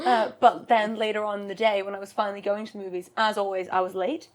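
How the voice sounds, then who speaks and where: New woman, 30s, podcast co-host, animated storyteller. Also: mid-range voice, quick pace. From New Zealand. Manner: animated storyteller, acts out quotes. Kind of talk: casual chat.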